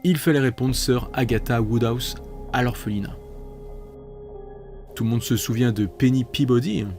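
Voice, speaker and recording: A man's voice: mid-range voice, normal speed, darkish tone, soft background music. Playful man hosting a quiz. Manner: playful, chatty asides between questions. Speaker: quiz host. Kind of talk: reading out multiple-choice quiz questions.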